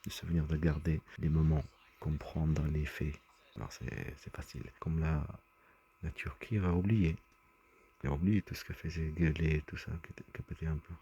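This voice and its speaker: Very deep, husky agitated man. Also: level tone, normal speed, dark tone, dull audio. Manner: agitated, repeats and stumbles over words. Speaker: vlogger. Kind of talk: rambling personal monologue.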